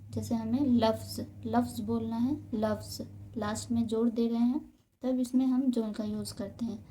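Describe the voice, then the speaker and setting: A woman's voice: a little high, dark tone, a little hiss or hum. A woman teaching beginners the alphabet, patiently repeating each example word. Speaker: Urdu teacher. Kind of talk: beginner's Urdu alphabet lesson.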